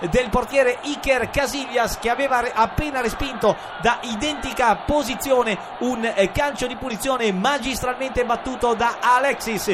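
A man delivering live football commentary in an excited, emphatic raised voice. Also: very high-pitched, moderate pace, few pauses. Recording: noisy broadcast, loud stadium crowd. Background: stadium crowd.

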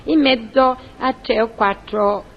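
A woman's voice: fairly high pitch, measured pace. A woman acting a chatty, scatterbrained concierge in a comedy sketch, talking in a theatrical, gushing way. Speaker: comic actress playing a chatty concierge. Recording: dull lo-fi recording with loud audience.

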